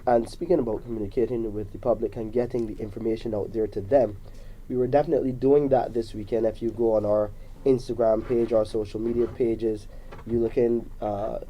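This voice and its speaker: A man's voice: fairly low pitch, fairly even intonation, a little fast, dull audio, a little hiss or hum. A man hosting a hospital radio talk show, greeting listeners and introducing guests in an upbeat way.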